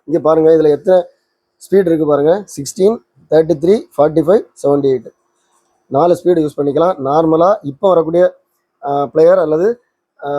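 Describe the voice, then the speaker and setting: In an informal demo for his record player tutorial channel, a man walks viewers through each step, speaking to them directly and quickly. His voice is soft, mellow and a little high for a man, captured close and dry with no room sound.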